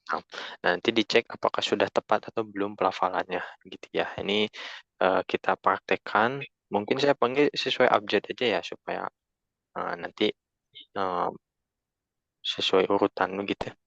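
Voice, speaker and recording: A man moderates an online class, speaking slowly and haltingly with filler pauses. His voice sits low with a gravelly edge, and it comes through as dull, dry video-call audio. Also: a bit bright, no room sound. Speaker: session moderator.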